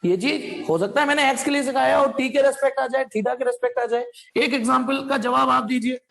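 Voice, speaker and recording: High-voiced male physics teacher. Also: fairly quick, creaky, a bit bright, poor audio. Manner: calls students "beta", quizzes them, adds playful sound effects. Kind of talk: live online class.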